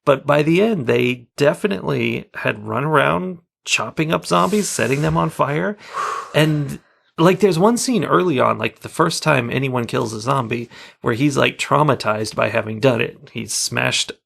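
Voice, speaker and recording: A man's voice: medium pitch, normal speed, creaky, a bit bright. A man co-hosting a podcast, chatting casually and laughing easily while reviewing movies. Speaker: podcast co-host.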